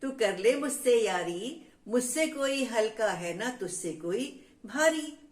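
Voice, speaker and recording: A woman's voice: on the high side, expressive, slow. A woman voicing a small, proud, hardworking female ant in sing-song rhyming verse. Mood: friendly. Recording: roomy echo.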